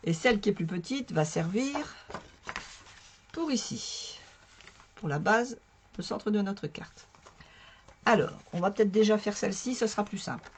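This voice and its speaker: A woman with a hoarse, strained voice explaining a card-making tutorial in a chatty, self-mocking way as she works. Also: medium pitch, moderate pace, long pauses, a little hiss or hum. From northern France. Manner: chatty, talks to viewers while working, self-mocking. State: hoarse from a sore throat. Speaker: craft tutorial host. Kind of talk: casual crafting tutorial.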